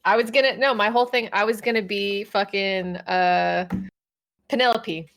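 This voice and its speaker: A woman's voice: mid-range voice, fairly even intonation, normal speed, fairly bright tone. A woman talks casually as a player in a role-play group. She rambles on and laughs often. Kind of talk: casual chat.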